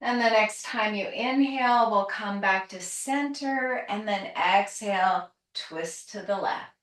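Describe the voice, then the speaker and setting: A woman yoga teacher leading a calm grounding exercise, gently and soothingly cueing breath and movement. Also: mid-range voice. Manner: gentle, soothing, unhurried instruction. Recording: roomy echo, distant microphone.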